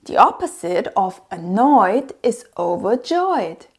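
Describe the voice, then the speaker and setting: A woman's voice: mid-range voice, very animated, takes it slowly, loud music behind the voice. A woman presenting to toddlers as if reading to a small child, sing-song and encouraging, asking exaggerated questions and repeating words for them to copy. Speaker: presenter of a toddler learning show.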